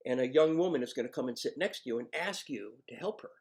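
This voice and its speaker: A man working as an addiction counselor, coaching a patient one-on-one in a gentle, coaxing, self-mocking way. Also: medium pitch, lively intonation, quick pace.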